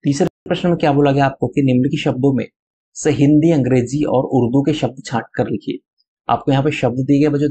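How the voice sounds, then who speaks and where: A man's voice: medium pitch, warm tone, slightly rough. A man teaching schoolchildren and reading textbook answers aloud, often telling them to note it down. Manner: calls listeners children, tells them to note it down.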